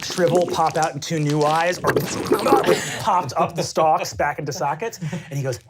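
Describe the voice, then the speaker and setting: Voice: medium pitch, fairly even intonation, a little slow, background noise. A game master vividly narrating gory scenes in a tabletop game.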